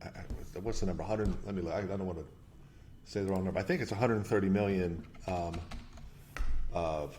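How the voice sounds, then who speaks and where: A man's voice: sits low, brisk, a little mellow, a little hiss or hum. A man being interviewed about investing, who talks in bursts with many restarts and thinks aloud. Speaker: investment manager guest. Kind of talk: podcast interview.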